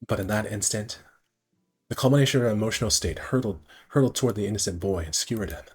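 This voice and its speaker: A man with a voice on the low side reads a visual novel aloud on a stream, adding casual commentary to his amateur narration. He talks at a quick pace with a slightly rough tone, stumbling over words and rereading phrases. Faint music plays behind him.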